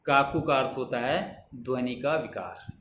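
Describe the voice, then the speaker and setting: A man teaching grammar in a lecture style, explaining terms slowly and reciting example verses. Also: mid-range voice, fairly bright tone, echoey room, slight background noise.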